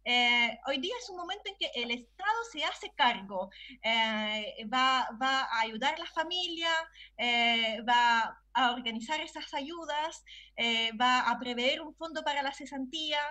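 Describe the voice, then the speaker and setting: A woman speaks as a panel guest, her voice high and bright. She hesitates often, filling gaps and restarting her sentences as she reasons aloud. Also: lively intonation, unhurried. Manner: hesitant, many fillers and restarts. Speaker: philosopher guest. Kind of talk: panel discussion.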